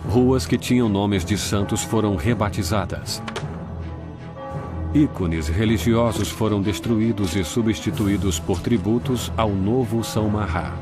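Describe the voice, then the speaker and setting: A man reading scripted documentary narration in a grave, measured way, recorded as a studio voice-over. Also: on the low side. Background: music.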